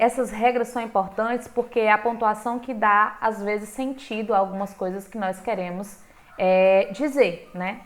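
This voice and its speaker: A woman with a Brazilian Portuguese accent teaching a grammar lesson in a conversational way. She keeps checking in with her students and punches key points with sudden lifts in her voice. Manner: conversational, checking in with frequent "right?" tags; emphatic, with sudden lifts in pitch and volume.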